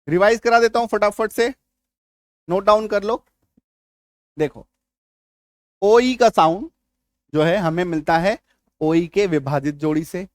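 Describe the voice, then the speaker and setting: A man's voice: high-pitched, no echo, studio quality. A man with an Indian accent teaching English spelling rules in a lesson. He drills words, repeats himself and keeps checking whether learners understood. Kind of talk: spoken lesson.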